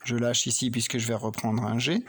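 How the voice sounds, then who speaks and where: Speaking a little fast with a breathy edge, a man uses a mid-range voice with little pitch movement. He patiently teaches a child to read and write, talking through every pen stroke and spelling words letter by letter in a slow children's lesson.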